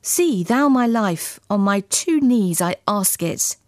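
A woman's voice: medium pitch, lively intonation, slow pace, a little mellow, dry recording, studio quality. A woman voicing a troubled young man who earnestly begs his beloved in archaic speech. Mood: pleading. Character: young man, troubled lover, fearful and pleading.

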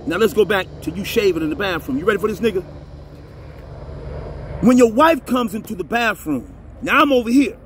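A man teaching the Bible in a casual, profane way, repeating phrases, reading verses slowly and emphatically, and often asking if you're with him. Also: high-pitched, lively intonation, slight background noise. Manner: reads scripture slowly and emphatically.

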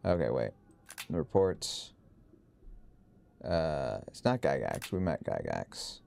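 A man's voice: extremely low pitch, big pitch swings, slow pace, gravelly, a little mellow. A man co-playing a game, thinking aloud and puzzling over clues in casual commentary. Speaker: co-player.

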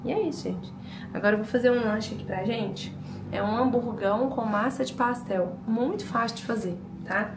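Chatty mom vlogging at home. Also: female voice, fairly high pitch, normal speed, distant mic. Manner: chatty, addresses viewers often. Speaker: vlogger mother. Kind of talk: casual home vlog chat to viewers. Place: family home, kitchen and bathroom. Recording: echoey home room with background noise.

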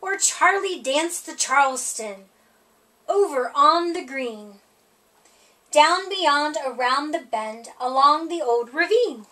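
At storytime, a middle-aged woman slowly reads a picture book aloud, leaning into the rhymes in a sing-song way. Her high voice is expressive, pushed and bright, swinging widely in pitch, though the audio quality is poor.

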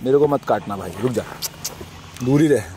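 An Indian man in his thirties vlogs while walking around a farm and into a small farm shed, bantering excitedly and playfully with a friend in casual chat. His voice is medium-pitched at a moderate pace, with a little hiss or hum.

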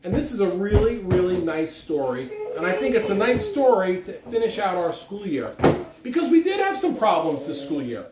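In a living room, a middle-aged man with a high, sing-song voice delivers morning announcements and reads a children's story at a moderate pace, as expressive as a school announcer. The mic is distant, the sound roomy, and background noise is heavy.

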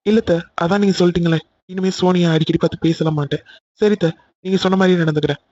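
A man's voice: high voice, fairly even intonation, quick pace, darkish tone, highs cut off, pitched below the performer's own voice, natural voice. A voice actor voicing an earnest, polite young man in love in a cartoon. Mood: apologetic.

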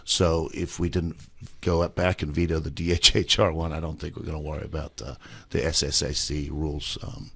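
A man's voice: extremely low pitch, level tone, fairly quick, vocal fry, husky. A middle-aged man from Zimbabwe, a state delegate answering questions on a radio talk show in a plainspoken way, with many fillers and restarts. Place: small office, indoors. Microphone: studio mic with headphones, remote video link.

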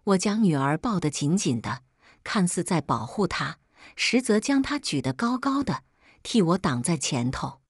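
A woman narrating a dramatic story in a calm, measured way with lively emotion. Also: fairly low pitch, slightly rough, dry recording, studio quality.

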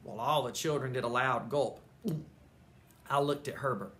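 A teacher reading a children's chapter book aloud at an elementary school, expressive and animated. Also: medium pitch, moderate pace.

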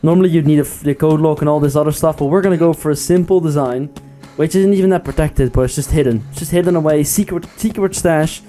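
A man's voice: fairly high pitch, quick pace, few pauses, mellow, soft background music. A man giving casual gameplay commentary, chatty and playful, often laughing. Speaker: gaming YouTuber.

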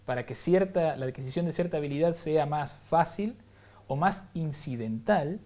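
A man's voice: a little high, lively intonation, moderate pace, dark tone. A man with a Rioplatense Spanish accent, explaining science as an interview guest, teaching with examples and frequent rhetorical checks. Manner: didactic, uses examples and rhetorical "¿no?".

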